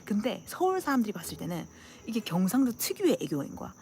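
Young woman, Gyeongsang accent, chatty channel host, very expressive pitch, faint background hiss. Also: quick pace. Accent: Gyeongsang dialect. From Gyeongsang region, South Korea. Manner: animated, acts out dialect lines, laughs often. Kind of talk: casual chat with viewers.

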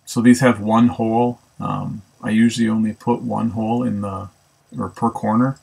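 In a home woodshop, a man who teaches woodworking explains his craft in a laid-back how-to style, his voice gravelly and fairly low. He talks at normal speed, thinking out loud and often correcting himself between ums.

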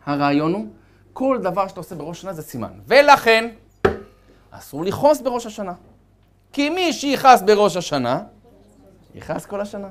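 A male rabbi giving a sermon, with animated storytelling and chuckles as he talks. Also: high voice, long pauses. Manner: animated storytelling, acting out characters.

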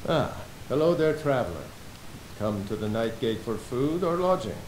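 A man's voice: mid-range voice, lively intonation, moderate pace, natural voice. A man playing a hospitable innkeeper in a video game, greeting travelers in a projected voice. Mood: welcoming. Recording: roomy, hissy game-capture sound.

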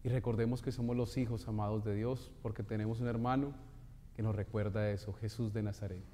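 Middle-aged man, priest at Mass, solemn liturgical delivery, mellow tone, cathedral echo, long church reverb. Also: on the low side, fairly even intonation, a little hiss or hum. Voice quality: echoing, cathedral-like reverberant sound. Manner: solemn, measured delivery in short phrases. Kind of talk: liturgical preaching and recited prayer. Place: inside a stone-walled church, at the altar and lectern.

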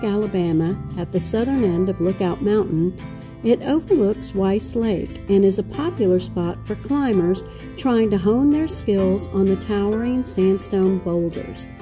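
A middle-aged woman vlogging about her travels, talking in a reflective, unhurried way. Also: mid-range voice, music in the background. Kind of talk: travel vlog narration and chat.

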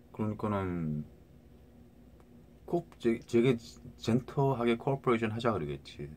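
A middle-aged man with a very deep voice rambles to his viewers, tripping over words and checking in with "right?" again and again. A faint hiss sits under his phone recording. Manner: rambling, many restarts, keeps asking "right?". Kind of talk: rambling casual monologue to viewers.

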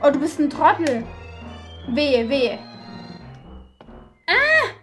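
A woman commentating a video game playthrough, excitable and quick to curse and shriek when frustrated. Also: sits high, faint music behind. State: out of breath. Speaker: let's play gamer.

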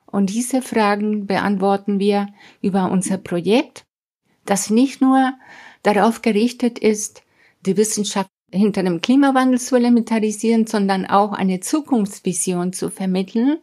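A woman's voice: mid-range voice, fairly even intonation, normal speed, a little mellow. Earnest woman explaining a science project. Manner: earnest, explanatory, with emphatic asides like "ja?"; non-native grammar slips in German. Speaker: astrophysicist and science educator, podcast guest. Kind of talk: explaining in an interview.

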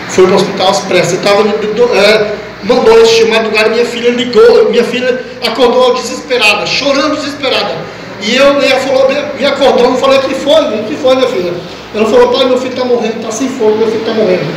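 An older man, a pastor, giving an impassioned sermon testimony and crying out in prayer. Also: extremely high pitch. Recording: echoey, distant church mic with noise.

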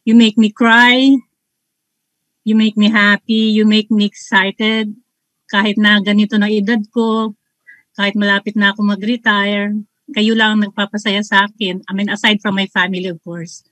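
A woman's voice: medium pitch, flat delivery, normal speed, a bit bright, no echo, rough recording. A woman in her sixties with a Filipino accent, talking effusively on a video call, mixing Tagalog and English. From Philippines. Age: 60s. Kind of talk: casual chat.

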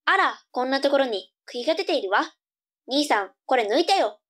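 Woman acting a high, cute anime-style cheeky girl. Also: lively intonation, moderate pace, a bit bright. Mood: pert. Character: cheeky young girl, sassy little sister and daughter. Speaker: voice actor in a tongue-twister audio drama. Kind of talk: tongue-twister audio drama acting.

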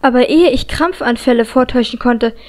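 A woman with a high voice reads a first-person fantasy audiobook at a fairly quick pace. Her tense, dramatic delivery carries the action steadily forward.

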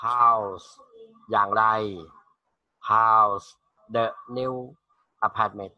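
A man's voice: lowish voice, steady tone, very slow, no echo, phone-quality sound. A man teaching English to school students in an online class, reading short English phrases and then translating and repeating them in Thai.

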